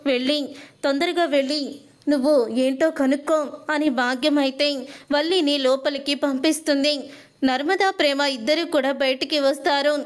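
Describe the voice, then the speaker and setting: A woman retells a TV serial episode in a casual storytelling way. Her voice sits high, and she keeps a steady flow with repeated linking phrases. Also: normal speed. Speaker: narrator recapping a TV serial.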